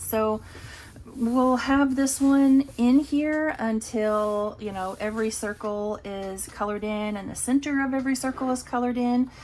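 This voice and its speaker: A woman's voice: a little high, a little mellow, slight background noise. A woman casually talking through her savings challenges, chatty and thinking aloud as she counts. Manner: chatty, talks to herself while counting. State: has the hiccups. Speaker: budgeting vlogger.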